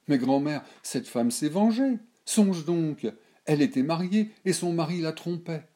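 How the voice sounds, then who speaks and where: A man's voice: fairly high pitch, expressive, unhurried, warm tone, pitched above the performer's own voice. A man putting on a bewildered young girl. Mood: pleading. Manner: pleading, bewildered protests. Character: naive, startled young girl, granddaughter.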